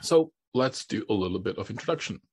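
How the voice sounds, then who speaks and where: A man's voice: lowish voice, lively intonation, quick pace, a little mellow, slightly rough. A middle-aged man from Romania, giving a conference presentation and often restarting his phrases. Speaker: conference speaker.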